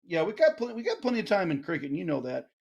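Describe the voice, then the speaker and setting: High-pitched man with an Ozark accent, commentating. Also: huge pitch swings, very fast, creaky, dull audio. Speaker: play-by-play commentator and host. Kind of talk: live darts match commentary with casual banter.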